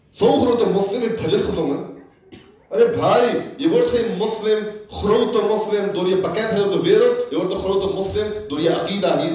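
Recorded from a distance in an echoing hall, a man delivers a sermon as a religious lecturer. His voice sits high and a little mellow, and he repeats lines for emphasis and half-sings lyrics he quotes.

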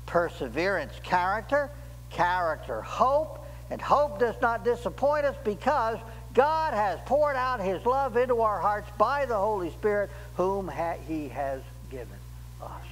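Older man, pastor, sermon, slow deliberate delivery, emphatic rises, church hall reverb, faint hum. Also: high voice, big pitch swings. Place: church sanctuary.

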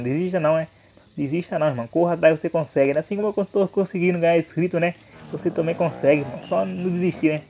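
A young Brazilian man hosts a motorcycle vlog, his Brazilian Portuguese accent carrying hyped, slangy commentary. He keeps tagging sentences with little words like "né" and "hein", and his voice is fairly high-pitched and warm.

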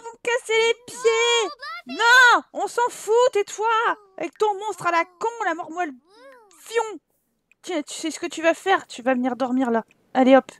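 A woman from France with a high voice gives casual let's-play commentary. She sounds exasperated, scolds the characters in her game and laughs often. Her voice is close and dry, with no room sound. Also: no echo. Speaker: gaming YouTuber.

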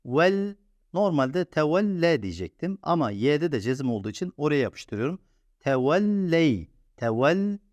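A man teaching a step-by-step reading lesson, patiently sounding out syllables and repeating them slowly for the learner. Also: a little high, sing-song, no room sound.

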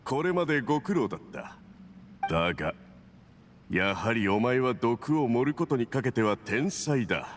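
A man's voice: medium pitch, animated, moderate pace, slight background noise, natural voice. A man voicing a smug, domineering villain envoy in an anime game, with a pompous, condescending and insinuating manner. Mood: condescending praise.

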